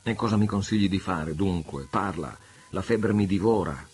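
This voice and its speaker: Deep, husky, impatient, a man doing a passionate pirate leader. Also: moderate pace, darkish tone, faint music behind. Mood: desperate. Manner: impatient, intense, brooding. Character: fiery young pirate chief, impassioned lover.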